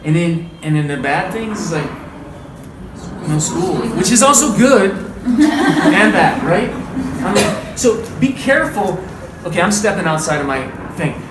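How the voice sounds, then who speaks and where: This man's voice is high, with big pitch swings, and his pace is a little slow. He runs an interactive read-aloud lesson at an indoor group training session, encouraging the group conversationally and repeating their answers. The recording is roomy and distant, and the room noise is obvious.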